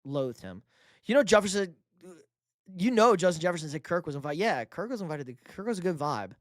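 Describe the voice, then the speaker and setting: A young New Yorker hosts a live sports stream, reading chat questions and bantering loosely with casual profanity. His voice sits on the high side with big pitch swings and a fairly quick pace, captured at studio quality with no echo.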